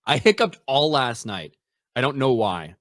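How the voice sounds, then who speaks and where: A man's voice: mid-range voice, huge pitch swings, measured pace, fairly bright tone, no room sound, clean studio sound. Blunt, profane man chatting animatedly. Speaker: podcast co-host reading chat. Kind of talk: casual chat.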